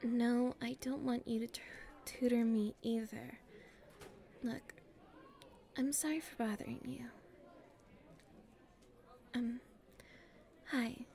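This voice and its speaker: In an intimate ASMR roleplay, a woman plays a nervous, shy popular schoolgirl hiding a crush. Her fairly high, soft voice often drops close to a whisper and carries a creaky edge. She speaks slowly, halting and pleading shyly, and sounds hesitant and awkward.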